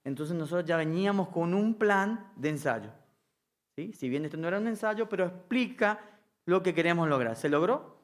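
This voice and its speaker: A man in middle age lectures on directing a band. His voice sits a bit high for a man. He talks in a live classroom way, tossing in quick checks that everyone is with him. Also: animated. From Argentina. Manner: keeps checking understanding with a quick "¿sí?". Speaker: music director teaching a course.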